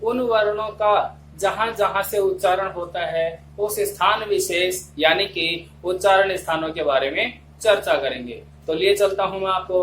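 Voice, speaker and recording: A male Sanskrit teacher giving an online exam-prep lesson, explaining slowly and chanting verses syllable by syllable. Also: sits high, fairly bright tone. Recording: echoey room, voice off-mic, faint hum.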